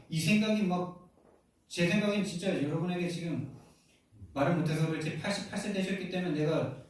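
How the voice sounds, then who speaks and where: A man in his forties preaching a sermon as pastor, telling a story in an animated, heated way. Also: fairly high pitch. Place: large echoey church hall. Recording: very echoey hall, distant mic.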